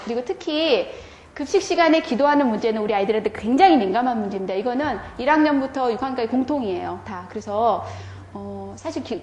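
A woman Sunday school teacher talks fellow teachers through her lesson plan. Her voice sits a little high, and she tells the story in a lively, animated way full of rhetorical questions. The sound is roomy and echoey. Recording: echoey room.

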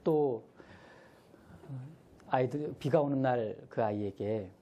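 A man's voice: medium pitch, takes it slowly, warm tone, dull audio. A man training church school teachers, telling humorous stories and acting out the children's voices.

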